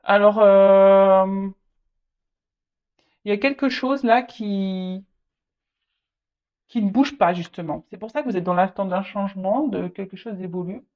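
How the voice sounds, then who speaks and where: A woman giving a casual tarot reading, addressing the viewer directly, often stalling and repeating words. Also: medium pitch. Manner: halting, repeats words, many fillers. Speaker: tarot reader. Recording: slightly dull lo-fi audio.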